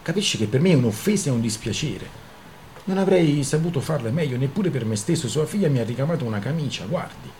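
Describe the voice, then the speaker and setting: A man voicing a smooth, ingratiating middle-aged merchant in a radio story reading, coaxing and persuasive. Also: mid-range voice, expressive, quick pace, a little mellow, slight background noise, lightly acted.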